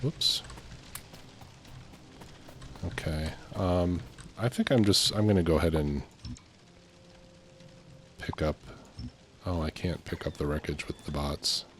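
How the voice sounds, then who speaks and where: Still congested from a lingering cold, this low-voiced man hosts a relaxed let's play, hesitantly thinking out loud. He takes his time, leaving long pauses, and slight background noise sits beneath his slightly stuffy nasal voice.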